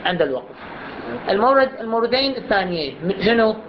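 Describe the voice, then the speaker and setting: A teacher giving a classroom lesson who asks the class questions and slowly stretches out example words to demonstrate them. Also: mid-range voice, very animated. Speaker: teacher of Quran recitation rules. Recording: dull lo-fi recording with clear background noise.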